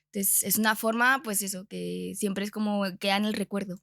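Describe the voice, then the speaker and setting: A woman in her twenties with a Castilian Spanish accent appears as a podcast guest, chatting informally and colloquially while sharing personal anecdotes. Her mid-range voice is steady, gravelly and fairly bright, at normal speed, captured as a dry, clean studio recording.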